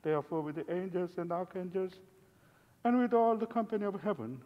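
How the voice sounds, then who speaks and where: A man leading a liturgical prayer as a pastor, intoning in a measured, solemn way, his voice ringing with a long cathedral-like echo. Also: high-pitched, expressive. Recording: dull muffled church recording with long reverb.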